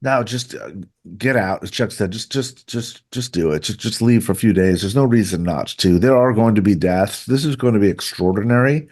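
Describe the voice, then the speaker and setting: A man's voice: lowish voice, moderate pace, a little mellow. A man co-hosting a political podcast, speaking earnestly and repeating words as he starts sentences. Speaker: podcast co-host. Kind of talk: casual political chat.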